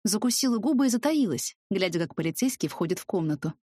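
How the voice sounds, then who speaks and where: A woman narrating a first-person audiobook in a lively, expressive way. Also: mid-range voice, fast, husky, no echo, clean studio sound.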